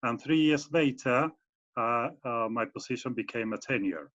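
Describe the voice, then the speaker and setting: A man's voice: mid-range voice, moderate pace, fairly bright tone. Argentine guy, spanish accent, professor talking on a zoom call, slightly muffled audio, plenty of uh and restarts. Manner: explanatory, with many fillers and restarts. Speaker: guest speaker, university professor. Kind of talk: video call interview. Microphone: video call.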